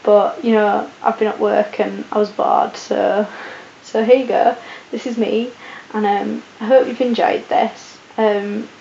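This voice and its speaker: This vlogger, a tired young woman, rambles through viewer questions in a croaky, put-on posh British accent, her delivery flat and a little slow. Her voice is medium-pitched and dark-toned, and she restarts often between ums. The casual Q&A has echoey, dull lo-fi sound with a faint hiss.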